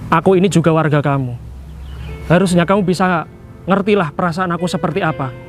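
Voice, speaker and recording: A man's voice: a little high, a little fast, faint music behind, lightly acted. A man playing a hurt, pleading husband. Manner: reproachful, pleading. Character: wronged husband feigning blindness, pleading and indignant. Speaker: husband back from working abroad. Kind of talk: amateur skit acting.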